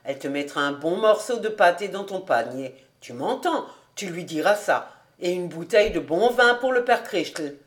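A woman reading an audiobook, voicing a jolly bachelor man who teases loudly and laughs a lot. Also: lowish voice, expressive, moderate pace, pitched below the performer's own voice, close to an everyday voice. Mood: kindly. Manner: boisterous, teasing, laughing.

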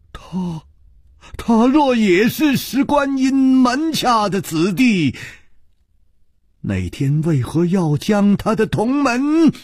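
A man voicing an agitated young male heir who stammers in shrill, disbelieving outbursts. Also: a little mellow, breathy edge, no room sound, clean studio sound, exaggerated voice.

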